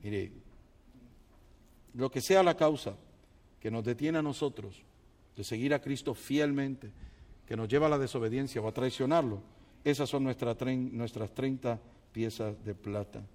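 A man preaching a sermon as a pastor, acting out his church members in quick asides and rising to shouted peaks before dropping to quiet, low remarks. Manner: acts out quoted church members in conversational asides.

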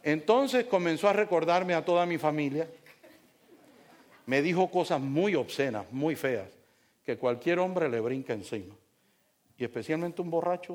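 Animated storytelling pastor, a man. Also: fairly high pitch. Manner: animated, acts out dialogue, talks directly to congregation. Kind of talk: humorous sermon storytelling.

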